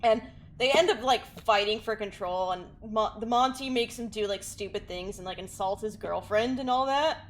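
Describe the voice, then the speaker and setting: A woman giving casual gaming commentary as a streamer, telling things in an animated way. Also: medium pitch, normal speed. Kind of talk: casual chat and commentary over gameplay. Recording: clear background noise.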